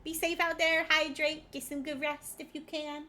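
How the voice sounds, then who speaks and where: A woman's voice: high voice, little pitch movement, normal speed, pushed and bright. A woman livestreamer chatting casually in a cute anime-streamer style, bubbly and gushing.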